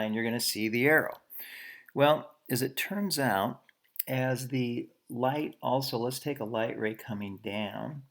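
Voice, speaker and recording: Male physics teacher, mid-pitched, gravelly, chatty lecturing with frequent "okay"s and quick self-corrections. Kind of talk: recorded physics lecture while drawing diagrams.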